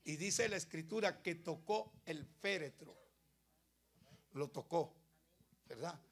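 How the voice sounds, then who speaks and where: A man's voice: fairly high pitch, animated, takes it slowly, fairly bright tone, slightly rough. A Costa Rican male pastor giving a dramatic, emphatic sermon and asking questions of his congregation. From Costa Rica.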